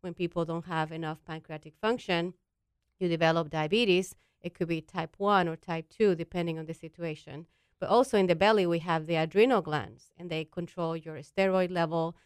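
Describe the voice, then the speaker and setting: A woman from the Dominican Republic with a smooth, resonant and somewhat low voice. She explains medical ideas patiently and plainly, one step at a time, as a guest doctor. The sound is dry and close. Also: steady tone, moderate pace, no room sound. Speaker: endocrinologist guest. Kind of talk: explanatory talk-show interview.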